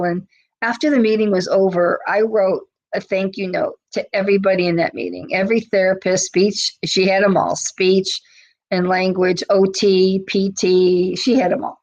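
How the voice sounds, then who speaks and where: A woman's voice: mid-range voice, level tone, normal speed, darkish tone, rough recording. Chatty woman advocate on a webinar. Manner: chatty storytelling with many fillers. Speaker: special education advocate. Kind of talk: webinar presentation.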